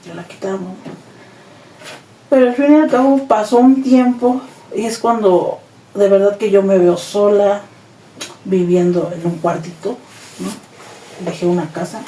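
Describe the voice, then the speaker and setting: A Mexican woman, a guest in an interview, tells her personal story with lively retelling, performing the quoted dialogue as she goes. She speaks at a measured pace and medium pitch, pausing at length, in a mellow, dark voice that sounds roomy, slightly far off and faintly noisy.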